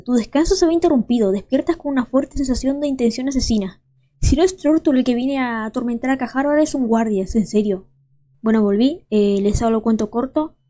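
A woman's voice: a little high, warm tone. A young woman, hosting a let's play and chatting to viewers as she thinks aloud. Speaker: gaming channel host.

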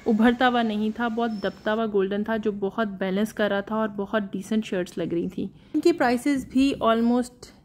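A shopping vlogger with a somewhat high voice narrates in a casual, friendly way. She often lingers on filler sounds and tosses in English phrases.

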